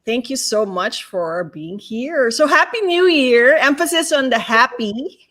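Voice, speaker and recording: A woman hosting an interview show, reading a scripted intro and then chatting with a guest in an upbeat way, often answering with a quick "right". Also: a little high, a bit bright. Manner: upbeat, frequent affirming "right". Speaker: talk show host.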